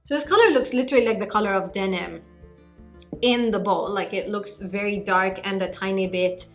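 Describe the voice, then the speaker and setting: A woman's voice: medium pitch, normal speed. A woman from Malta with a Maltese accent, chatting expressively and emphatically as a beauty vlogger giving a tutorial. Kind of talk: chatty hair-dye tutorial vlog. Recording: music behind the voice.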